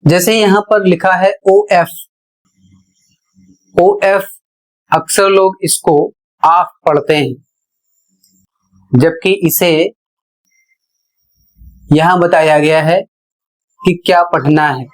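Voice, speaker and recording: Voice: medium pitch, slow, pauses often, low-quality recording. A teacher giving a pronunciation lesson, spelling out words letter by letter and explaining each one carefully.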